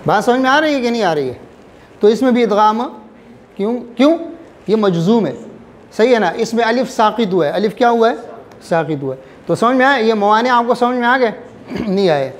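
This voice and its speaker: A man teaching a recitation class, drilling his students with repeated check questions and reciting examples slowly, letter by letter. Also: high-pitched, expressive, a little hiss or hum. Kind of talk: classroom lesson.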